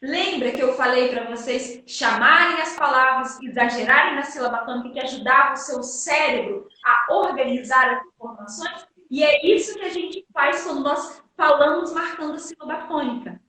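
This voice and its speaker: A Brazilian woman teacher giving a lively live-stream lesson, emphatic and energetic, acting out her students' questions. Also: high voice, moderate pace, few pauses. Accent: Brazilian Portuguese. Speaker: guest teacher. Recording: echoey room, distant mic.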